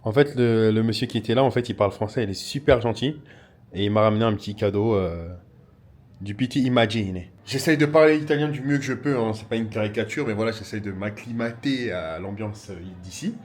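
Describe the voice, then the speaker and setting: A man's voice: on the low side, fairly quick, a little mellow. A man casually vlogging on a trip, chatty and enthusiastic, with plenty of fillers. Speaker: vlogger, influencer. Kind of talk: casual travel vlog, talking to camera. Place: hotel room and city streets. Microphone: handheld camera. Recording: noisy outdoor street ambience.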